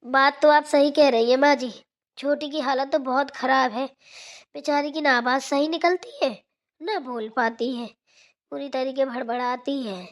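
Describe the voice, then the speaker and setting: A dutiful cartoon daughter-in-law, voiced by a woman, earnestly explains her busy day. Her voice is high and bright. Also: steady tone, normal speed, lightly acted. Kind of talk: cartoon voice acting.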